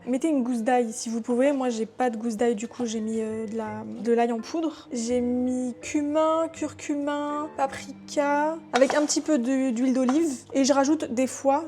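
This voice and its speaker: A woman's voice: high voice, warm tone. A young woman in her twenties chatting casually and teasingly while cooking in her home kitchen. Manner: chatty, teasing, talks to herself. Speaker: vlogger. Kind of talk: casual cooking vlog chat.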